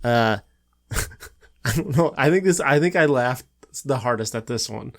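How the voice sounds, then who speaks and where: A man's voice: medium pitch, animated, moderate pace. A man co-hosting a podcast, chatting casually and chuckling as he retells scenes. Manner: amused, laughing through his retellings. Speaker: podcast co-host. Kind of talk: casual chat.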